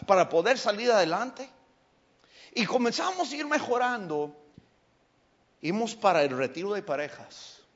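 High-voiced preaching pastor, muffled sound. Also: male voice. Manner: animated preaching, storytelling with bursts of shouting. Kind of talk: sermon.

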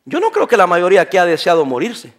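Animated older pastor preaching. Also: male voice, high voice, quick pace. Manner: animated preaching, swings from soft to shouting. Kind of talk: sermon.

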